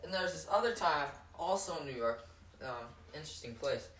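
A man's voice: fairly high pitch, animated, fairly quick, distant mic, slight background noise. Joking young man in an echoey room. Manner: jokey, rambling storyteller with loud put-on voices. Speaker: podcast co-host. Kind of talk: casual chat among friends.

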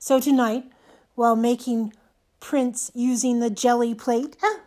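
Hoarse, slow-talking older woman podcaster. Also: fairly high pitch, fairly even intonation, warm tone. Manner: halting delivery in short reflective phrases. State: hoarse, voice nearly gone. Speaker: podcast host. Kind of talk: personal monologue podcast.

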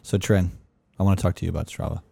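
A man's voice: low voice, level tone, racing, gravelly, warm tone, breathy edge, no echo. A man hosting a casual podcast chat, talking loosely with fillers and the odd swear word. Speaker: podcast host.

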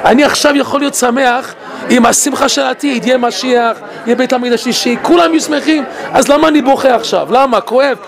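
A man giving an animated Torah talk. He laughs often and asks many rhetorical questions. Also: very high-pitched, creaky, crowd noise. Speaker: Torah teacher.

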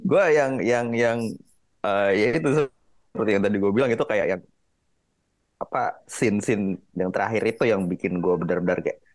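A man's voice: on the low side, normal speed. Stammering guy recalling a film. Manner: stammering restarts, emotional. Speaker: podcast co-reviewer. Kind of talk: casual film review chat.

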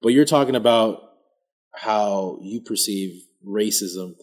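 A man's voice: on the low side, slow pace, a little mellow. A man co-hosting a casual comedy podcast, laid-back and analytical, trailing off with fillers. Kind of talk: casual chat.

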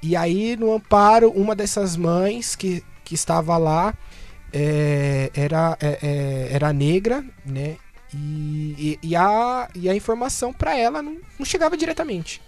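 A panel guest talks in a slightly raised voice, pausing and restarting as he thinks aloud. He keeps checking in with his listeners through little questioning tags. Faint music plays underneath. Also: high-pitched. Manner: hesitant, tags sentences with questioning asides. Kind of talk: casual discussion.

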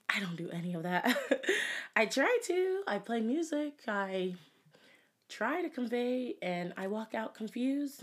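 Giggly young woman podcasting, chatty, drops to whispers, bouncy pitch. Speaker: podcast host. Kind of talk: casual solo podcast chat.

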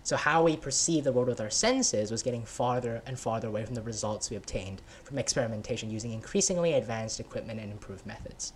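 A man's voice: medium pitch, animated, fast talker, hardly any pauses, a little hiss or hum, close to an everyday voice. A man voicing a patient male scientist in a children's story he reads aloud, explaining how the world is built, with many "right?" and "sort of" fillers.

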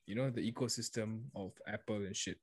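A man's voice: on the low side, steady tone, brisk, slightly rough, no echo. A young man hosting a casual podcast, rambling and repeating words in an upbeat way. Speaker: podcast host.

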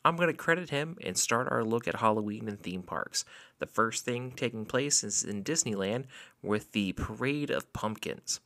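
Male American podcast host, lowish voice, casual and informative delivery. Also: expressive, normal speed, sharp tone. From Florida, USA.

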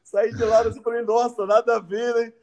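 A man's voice: very high-pitched, flat delivery, a little fast, a little mellow. A man, an athlete casually and animatedly telling a story from a race, full of slang and restarts. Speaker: ultramarathon athlete.

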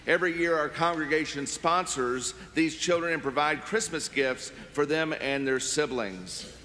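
A man's voice: on the high side, moderate pace, sharp tone. A man speaking as a church minister, addressing the congregation and leading prayer in a large, reverberant sanctuary. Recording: reverberant hall, faint background noise.

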